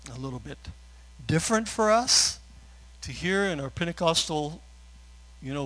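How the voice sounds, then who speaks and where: Emotional man preaching a relaxed sermon. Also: a little high, rough recording. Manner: conversational preaching with fillers and asides; gets emotional, laughs through his words. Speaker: pastor.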